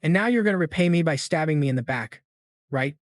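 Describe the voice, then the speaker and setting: A bitter, sarcastic noblewoman hurls accusations at her former friend, as a male narrator reads her lines. The voice sits a touch high and sounds dry and close, with little room around it. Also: lively intonation, quick pace, no room sound, lightly acted. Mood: furious, sarcastic. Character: furious, bitter noblewoman stripped of title.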